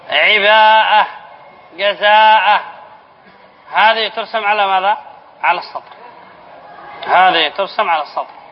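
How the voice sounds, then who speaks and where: A male teacher giving a classroom lesson on spelling rules, repeating key phrases, asking the class questions and then answering them, and dictating example words slowly. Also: sits high. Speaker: Islamic studies teacher. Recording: dull lo-fi lesson recording with faint hiss.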